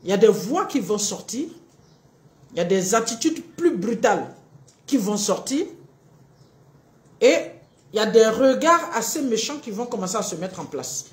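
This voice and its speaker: A woman relationship coach giving a live-streamed talk, acting out both partners in quick little dialogues. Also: mid-range voice, very animated, roomy sound.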